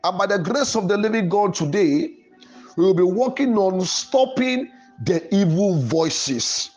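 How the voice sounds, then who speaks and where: This is a man with a high, expressive voice and a darkish tone, speaking unhurriedly over background music. As a pastor and programme host, he gives a Pentecostal sermon and prayer in a forceful, declamatory manner with repeated wording.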